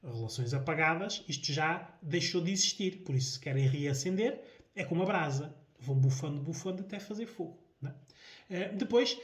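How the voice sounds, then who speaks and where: A man's voice: fairly high pitch, animated, brisk. A man with a European Portuguese accent giving a solo talk on relationships, often hesitating, repeating words and asking "não é?". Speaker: host. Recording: echoey room.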